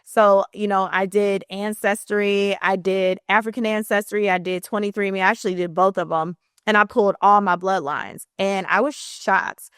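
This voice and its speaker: A woman's voice: medium pitch, steady tone, normal speed, hardly any pauses, fairly bright tone, smooth, no room sound, studio quality. A woman hosting a podcast, chatting enthusiastically and casually, using lots of "like". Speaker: podcast host. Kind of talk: casual interview chat.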